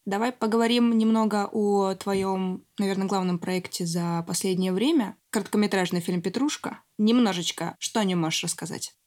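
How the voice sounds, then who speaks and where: A woman hosting an interview, introducing guests and asking measured, explanatory questions. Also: medium pitch, steady tone, a little mellow. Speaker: podcast host.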